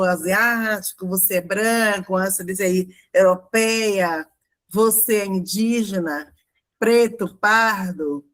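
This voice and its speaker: A woman's voice: mid-range voice, a bit bright. Woman preaching with many rhetorical questions. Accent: Brazilian Portuguese. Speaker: pastor. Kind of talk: sermon. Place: church.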